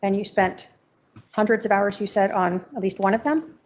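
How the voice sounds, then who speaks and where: A woman's voice: mid-range voice, fairly even intonation, moderate pace, darkish tone. A woman prosecutor putting questions to witnesses in court. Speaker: prosecuting attorney. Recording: faint background noise.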